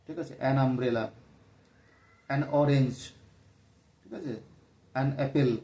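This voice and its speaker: A man's voice: fairly high pitch, warm tone. A man teaching a grammar lesson, explaining step by step and often checking that his listeners follow. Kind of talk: exam-prep grammar lesson. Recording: echoey room with faint noise.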